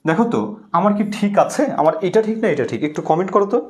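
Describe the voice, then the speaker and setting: A man teaching an online class, his voice sitting high and swinging widely in pitch. He drills key words by repeating them and keeps prompting students to comment and answer. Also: expressive, rapid-fire.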